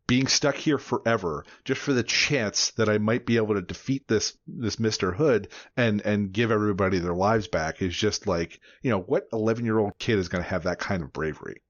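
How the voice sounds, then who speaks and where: A man with a low voice co-hosts a casual book podcast and rambles, filling his talk with "you know" and "like". His mic sounds slightly dull and dry, with no room sound. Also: fairly quick, hardly any pauses, no echo. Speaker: podcast co-host.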